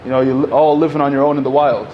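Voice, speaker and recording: Speaking rapid-fire and flatly in a mid-range voice, a panel speaker in his thirties, originally from Egypt, gives a public talk at a podium in a community center hall. He talks conversationally with many fillers and restarts, and the podium mic recording sounds muffled with a bit of hiss or hum.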